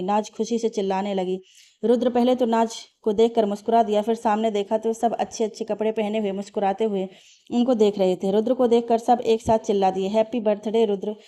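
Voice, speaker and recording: Mellow woman narrating a story. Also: medium pitch. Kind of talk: read-aloud story narration.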